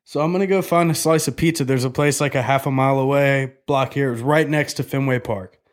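This man in his twenties talks fast at a medium pitch while hosting a podcast. He rambles through a long story in a loose, joking manner, swearing freely.

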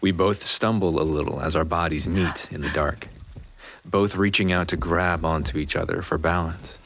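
A deep-voiced American biker. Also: male voice, fairly even intonation, normal speed, background noise. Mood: intimate narration.

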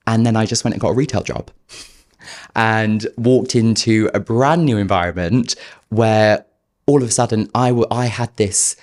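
A man's voice: on the low side, normal speed. A man, a podcast guest telling his life story candidly and acting out what he once said to himself. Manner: animated, acts out his past self in quotes. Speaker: podcast guest, performance coach.

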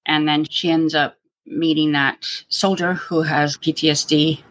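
A woman's voice: low-pitched, little pitch movement, a little slow, a bit bright, rough recording. A woman chatting casually, telling a reflective story. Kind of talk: casual chat.

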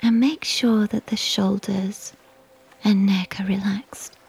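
A woman whispering a slow, soothing guided sleep meditation. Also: mid-range voice, steady tone, husky. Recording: soft music behind.

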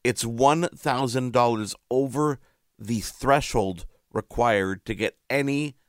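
A man's voice: medium pitch, slow pace, no echo, clean studio sound. A man hosting a radio show in casual chat, chatty and playful, often interrupting himself.

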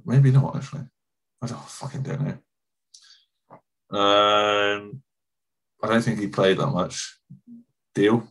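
Husky-voiced man hosting a chat podcast. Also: lowish voice, takes it slowly, long pauses, a bit bright. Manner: chatty, self-deprecating, laughs often. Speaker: podcast host.

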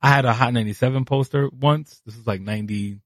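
A man in his thirties from New City, a guest artist telling his story, animated and acting out quoted voices. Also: medium pitch, fast, no echo. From New York City. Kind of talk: casual interview storytelling. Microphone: podcast studio mic.

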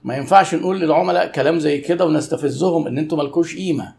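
A customer service trainer with an Egyptian Arabic accent talks fast in a gravelly, fairly high voice. He teaches to camera in a lively way and acts out the lines of customers and staff. It sounds like an animated, practical lesson. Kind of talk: educational talk to camera.

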